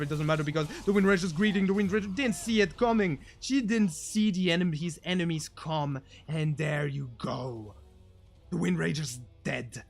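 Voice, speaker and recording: A man with a high voice casts a video game match for laughs. He jumps from low, muttered jokes to yelling over big plays, always playful and excitable. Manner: excitable, jokey, swings between mumbled asides and shouted hype. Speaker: game caster. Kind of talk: comedic esports commentary.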